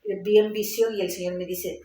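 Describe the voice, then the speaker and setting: A woman's voice: mid-range voice, steady tone, brisk, dark tone. A woman tells her story in a casual interview and brings it to life, taking on the voices of the people she quotes. Her voice sits in the middle range and rings a little in a roomy space. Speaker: interview guest. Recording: roomy echo.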